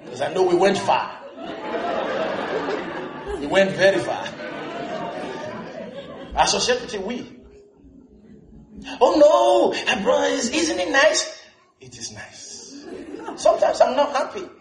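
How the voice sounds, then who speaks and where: A man preaching a sermon as pastor in a church, animated and humorous, often asking the congregation if they are listening. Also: extremely high pitch, slow, long pauses, roomy sound, a faint crowd. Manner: animated preaching with humor and call-and-response questions.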